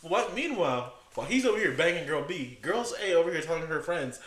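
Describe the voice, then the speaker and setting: A man co-hosting a casual podcast, telling stories in animated bursts with rising emphasis. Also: on the high side, fairly quick. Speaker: podcast co-host. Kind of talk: casual storytelling chat. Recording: echoey room with faint background noise.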